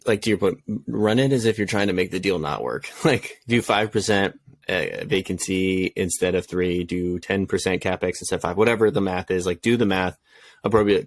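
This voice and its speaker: A young adult man co-hosting a casual podcast, telling his own story in a candid, reflective way. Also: deep voice. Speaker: podcast co-host.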